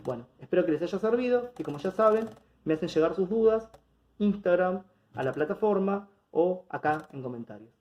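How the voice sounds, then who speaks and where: A man's voice: sits high, expressive, moderate pace. A man teaching an online grammar lesson, explaining step by step and often checking in with his students. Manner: patient, explanatory, checks in with students with rhetorical questions. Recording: dull lo-fi recording.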